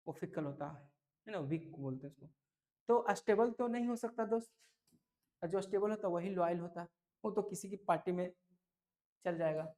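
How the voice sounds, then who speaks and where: A man teaching English vocabulary for an entrance exam, lively and repetitive, often checking whether students follow. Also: sits high. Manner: lively, repeats key words, asks "clear?" often. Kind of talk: exam-prep vocabulary lesson.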